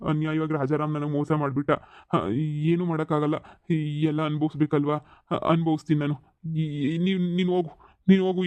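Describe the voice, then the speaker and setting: A man's voice: fairly high pitch, darkish tone, clean tone, no room sound, natural voice. A man voicing a middle-aged father in a cartoon, an ailing businessman who has been cheated, talking in a weary, regretful way. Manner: weary, regretful, speaks of lying down to rest. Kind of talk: cartoon voice acting.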